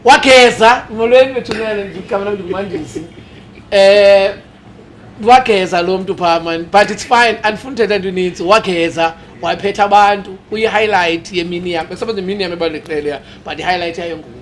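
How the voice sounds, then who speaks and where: A man from South Africa with a Xhosa accent, chatting casually as a musician guest and switching between languages in an animated way. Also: sits high, brisk, a little hiss or hum. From South Africa, Eastern Cape. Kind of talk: casual chat.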